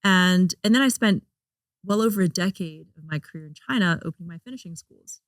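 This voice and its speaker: Interview guest, woman, lower than average pitch, chatty with plenty of fillers, close and dry. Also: lively intonation, brisk, no room sound. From Hong Kong. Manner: chatty, laughs often, frequent fillers and restarts. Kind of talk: casual interview chat.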